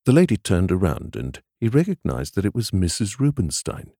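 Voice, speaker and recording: A man narrating a novel in a measured, expressive storytelling manner. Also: low voice, gravelly, no echo, studio quality. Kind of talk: scripted audiobook narration.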